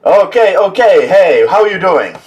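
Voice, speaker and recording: A man's voice: high voice, very animated, unhurried. A man with a Finnish accent hosts a casual live chat with lots of energy. He laughs often and drops swear words for emphasis. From Finland. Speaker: host.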